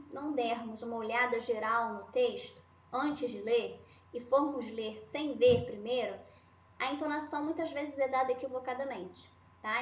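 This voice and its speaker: A woman teacher giving a language lesson, checking in with short tag questions and patiently repeating and rephrasing each point. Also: fairly high pitch. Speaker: Spanish teacher. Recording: roomy, slightly dull sound.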